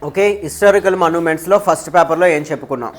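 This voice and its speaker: A woman's voice: low voice, rapid-fire. A woman teacher taking a live class of students through an exam paper. She mixes in English terms and keeps checking with them.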